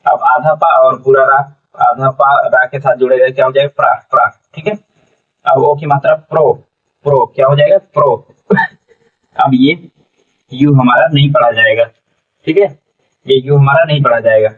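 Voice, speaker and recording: A man teaching a classroom phonics lesson, sounding out syllables slowly and asking students to repeat. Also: mid-range voice, fairly even intonation. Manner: slow, spells out syllables, repeats questions to students. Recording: dull lo-fi sound from a distant mic.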